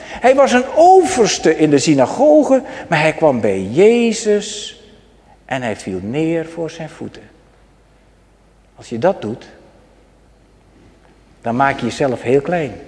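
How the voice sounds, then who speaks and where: Man preaching in a reverberant church hall. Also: medium pitch. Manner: asks the congregation questions, swings between loud exclamations and soft asides. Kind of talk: sermon.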